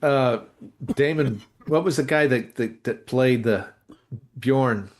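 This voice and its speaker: Speaking slowly in a mid-range voice, a man who is a musician co-hosts a casual podcast. He's blunt and rambling, regularly searching for words partway through a sentence.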